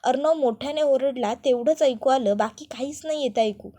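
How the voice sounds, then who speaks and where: A woman's voice: high-pitched, normal speed, warm tone. A woman voicing a scheming young woman who eavesdrops and mutters sly asides to herself. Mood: anxious scheming.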